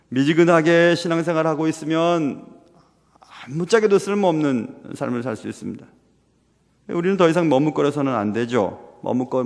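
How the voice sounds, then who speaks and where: A young man preaching a sermon as pastor, earnest and full of rhetorical questions, sometimes dropping to a hush. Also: fairly high pitch. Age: young adult. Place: church sanctuary. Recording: long reverb of a church hall.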